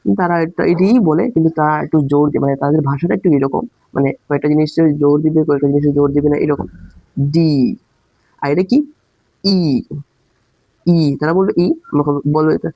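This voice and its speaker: A man's voice: on the high side, steady tone, very fast, no echo, dull audio. A man giving a casual spoken English lesson, explaining with rhetorical questions and sounding out letters aloud. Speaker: English teacher.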